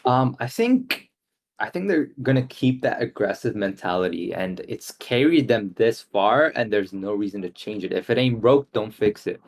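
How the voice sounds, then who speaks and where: A young man casting an amateur esports tournament, giving relaxed analysis with frequent fillers. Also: lowish voice, moderate pace. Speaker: esports caster.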